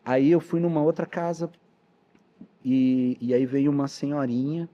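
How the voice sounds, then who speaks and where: A man's voice: mid-range voice, steady tone, unhurried, mellow, dull audio, a little hiss or hum. Earnest man telling his story. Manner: storytelling, earnest, quotes dialogue. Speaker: pastor and missionary. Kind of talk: testimony in a podcast interview.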